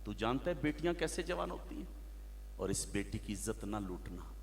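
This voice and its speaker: A man's voice: on the low side, very animated, moderate pace, gravelly, long reverb tail, slight background noise. A male Islamic preacher, telling stories dramatically in an impassioned sermon at a large religious gathering. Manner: impassioned, dramatic storytelling, rising to shouts.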